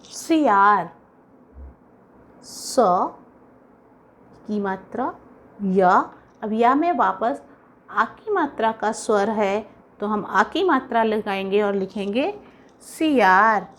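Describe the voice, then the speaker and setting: Slow, patient woman teaching young children. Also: fairly high pitch, fairly bright tone. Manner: spells words out sound by sound, patient and instructive. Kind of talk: slow, careful classroom dictation for young children.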